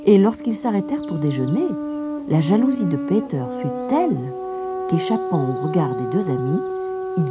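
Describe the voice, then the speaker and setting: Brief: woman, storybook narrator, low and animated, music bed. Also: normal speed, very noisy. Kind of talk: storybook reading. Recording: music playing behind.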